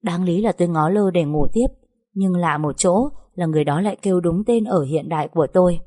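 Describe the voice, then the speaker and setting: A young woman narrating a story in the first person, lively and chatty. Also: fairly low pitch, a little fast.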